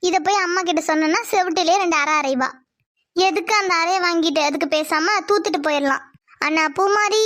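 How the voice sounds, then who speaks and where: A woman's voice: very high-pitched, fairly bright tone. A woman voicing a lazy, cheeky young daughter in a Tamil cartoon who grumbles and talks back. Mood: grumbling.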